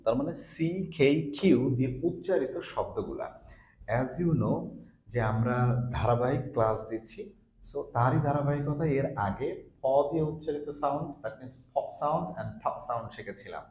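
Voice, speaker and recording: A man's voice: medium pitch, animated, normal speed, a little mellow, slight background noise. A man with a Bengali accent teaching English pronunciation, repeating each example word several times and mixing Bengali with English. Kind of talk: classroom lesson, repeating example words. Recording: echoey room.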